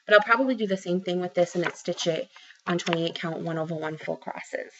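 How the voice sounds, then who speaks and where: This woman talks a little fast in a lowish voice over a noisy background. She's a forties-aged craft vlogger from around Boston, Massachusetts, with the local accent, casually rambling to camera about her craft haul with lots of ums and false starts. A close webcam in a small indoor room at home gives the audio a dull, lo-fi quality.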